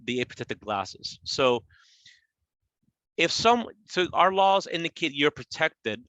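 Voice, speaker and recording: In his forties, this government agency presenter gives a casual, conversational webinar on workplace law, explaining and rephrasing as he goes and checking in with "right?" His mid-range voice has a bright, forceful tone, and the recording is dry and lo-fi.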